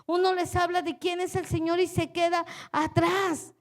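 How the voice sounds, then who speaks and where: A woman pastor delivers a sermon in a high voice. She preaches earnestly, repeating her key phrases and turning to ask her listeners direct questions. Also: flat delivery, normal speed.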